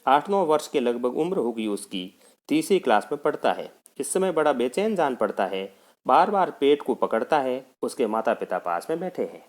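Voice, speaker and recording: A male teacher reads a school text aloud to children and then explains it in plain words. His delivery rises and falls a lot, with a mid-range voice that keeps the lesson animated. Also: medium pitch, normal speed. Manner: addresses children, explains idioms.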